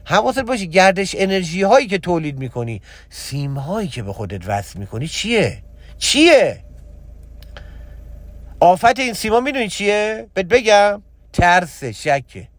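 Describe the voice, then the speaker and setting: A man giving a religious motivational talk as a spiritual teacher, hammering points with repetition and swinging between loud exhortation and a low, confiding tone. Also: big pitch swings, no room sound.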